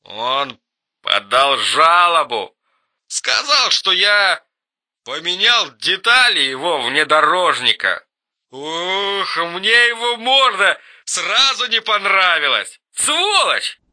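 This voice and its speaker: A man's voice: sits high, big pitch swings, slow pace, sharp tone, voice pushed up, heavily acted. A man voicing a drunk male auto mechanic calling a friend, slurring his words. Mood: drunk, complaining. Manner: slurring, tipsy.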